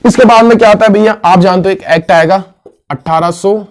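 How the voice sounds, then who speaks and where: Casual history teacher, slightly high voice. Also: male voice, fairly quick. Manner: casual, asks and answers his own questions; calls listeners "bhaiya". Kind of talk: exam-prep history lesson.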